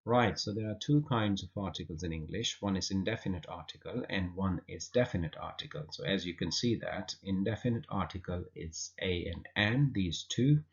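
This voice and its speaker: Deep-voiced man teaching grammar. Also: normal speed, few pauses. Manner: patient, repeats himself with fillers. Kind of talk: explanatory lesson. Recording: dull lo-fi recording.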